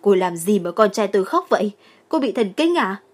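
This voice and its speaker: A woman voicing a furious mother in her thirties who scolds loudly and shrilly, in an audiobook. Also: a little high, expressive, moderate pace, breathy edge.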